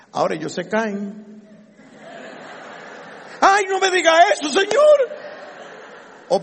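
A man preaching a lively sermon as a pastor, acting out the voices he quotes. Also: high-pitched, creaky, long reverb tail.

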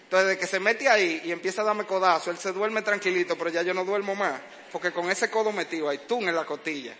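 A preacher with young children of his own tells lively, funny fatherhood stories during a sermon, animatedly acting out sounds and cries. His fast, high voice comes across sharp and bright. Long hall reverb and a faint hiss sit behind him.

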